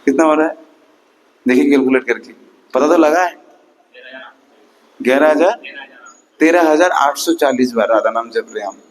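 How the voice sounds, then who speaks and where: Pausing often at a normal speed, a medium-pitched preacher gives an emphatic Sunday class sermon, captured on a low-quality recording. He questions the audience rhetorically and at moments counts and chants aloud.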